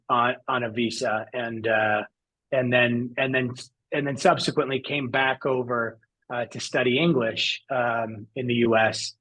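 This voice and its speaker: A man's voice: mid-range voice, a bit bright, rough recording. A man as an interview guest, telling his own story in an earnest, reflective way. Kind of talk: conversational interview.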